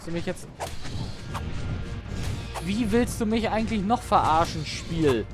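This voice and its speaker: This let's play gamer has a high voice with lively intonation and an unhurried delivery. Exasperated, he swears at the game and calls to the creatures he sees, while game music plays loudly underneath.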